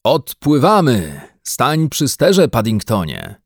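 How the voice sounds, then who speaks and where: A man's voice: mid-range voice, big pitch swings, unhurried, a little mellow, dry recording, studio quality. A man voicing a confident, bossy family father in an audiobook reading, hearty and commanding. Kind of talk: audiobook character voice.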